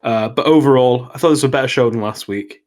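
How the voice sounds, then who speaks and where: A man co-hosting a podcast, recapping wrestling matches in a relaxed, casual chat. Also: mid-range voice, fast. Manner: relaxed, lays out match events play by play. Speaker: podcast co-host.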